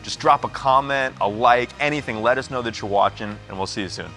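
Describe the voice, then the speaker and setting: A man's voice: medium pitch, a little fast, pushed and bright, faint music behind. A man giving upbeat, welcoming church announcements. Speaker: church host.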